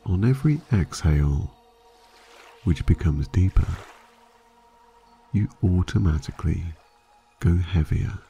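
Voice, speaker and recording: A man with a low, creaky voice narrates a guided sleep meditation like a sleep story narrator, calm, measured, and hypnotic, pausing long between phrases. Soft music plays behind him, and there's a little hiss or hum.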